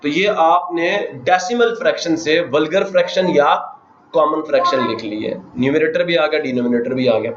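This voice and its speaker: At a normal speed and in a slightly high voice, a Pakistani man gives a math lecture, often asking questions and counting places aloud. The background is noisy, and the sound is dull, lo-fi and echoey like a classroom.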